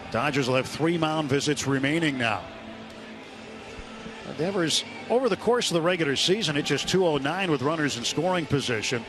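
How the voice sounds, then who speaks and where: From a ballpark broadcast booth, a radio play-by-play announcer with a fairly high voice calls a live baseball game. He describes the action in clipped phrases, ready to rise for big plays, while loud crowd noise from the stadium comes through clearly behind him.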